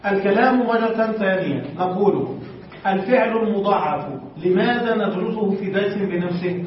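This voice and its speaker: A man's voice: sits high, moderate pace, slight background noise. A man teaching Arabic morphology to a class, reading from a text and putting questions to the students, then answering them himself. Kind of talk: classroom lesson explaining a text. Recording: distant, muffled, very echoey room recording.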